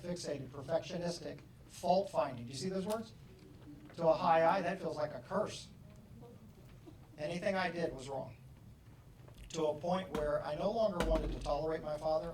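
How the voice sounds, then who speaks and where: Middle-aged man, motivational speaker, animated, slightly high voice, roomy hall, distant mic. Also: slight background noise. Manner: animated, acts out dialogue, loud bursts. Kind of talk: keynote talk to an audience.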